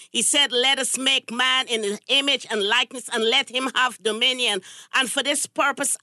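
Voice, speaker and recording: An older woman from Guyana speaks in a bright, ringing voice set a little high. She delivers a preacherly address that quotes scripture. The sound is close and dry. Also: no room sound. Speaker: guest, candidate's mother. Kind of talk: speech-like address.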